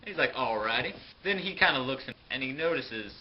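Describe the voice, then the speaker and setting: A man's voice: mid-range voice, lively intonation, fairly quick. A young man telling a silly school skit story in a goofy, sarcastic, slangy way. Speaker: narrator of a student skit. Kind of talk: comic retelling with put-on voices. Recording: dull lo-fi home video, faint noise.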